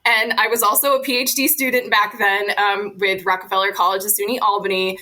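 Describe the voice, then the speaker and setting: Woman, bright voice, mid pitch, podcast guest, loose explanatory talk. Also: flat delivery, a little fast, poor audio. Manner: explanatory, filler-heavy. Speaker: guest researcher. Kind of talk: podcast interview.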